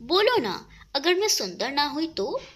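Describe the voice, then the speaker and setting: Teasing young girlfriend, playful and a bit unsure, woman narrator doing her, high lively voice. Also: unhurried, exaggerated voice.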